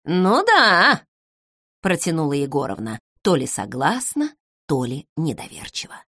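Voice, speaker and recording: A woman narrating a story aloud in an unhurried, expressive way. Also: very deep voice, dry recording, clean studio sound. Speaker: reader.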